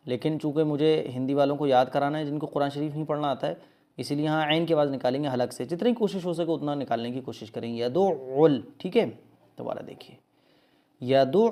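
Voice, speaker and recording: A man teaching Quran recitation, quickly explaining each word and then reciting it slowly and drawn out. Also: fairly high pitch, warm tone. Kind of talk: step-by-step recitation lesson.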